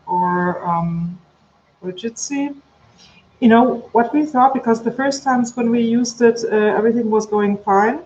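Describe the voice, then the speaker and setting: A woman whose first language is German, co-hosting a casual stream chat, talkative and quick to correct herself. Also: on the high side, darkish tone, slight background noise. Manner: chatty, apologetic, self-correcting. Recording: slightly dull video call audio.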